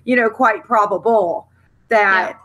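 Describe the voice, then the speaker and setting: A woman hosting a casual group video stream, chatting relaxed and thanking her viewers. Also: medium pitch, slow, rough recording. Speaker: stream host.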